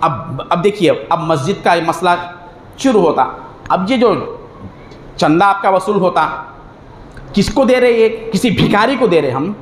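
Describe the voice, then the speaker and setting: High-voiced preacher in an echoey hall. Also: male voice. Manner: exhorting with rhetorical questions. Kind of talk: religious sermon. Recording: echoey hall with faint noise.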